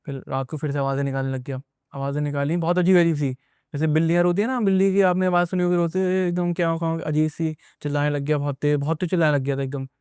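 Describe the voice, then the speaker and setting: Fast-talking young man telling a story. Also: fairly high pitch, fairly even intonation, a little mellow, clean tone, dry recording, clean studio sound. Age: young adult. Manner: rambling, repetitive retelling with many asides. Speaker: guest recounting an experience. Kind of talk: casual spoken storytelling.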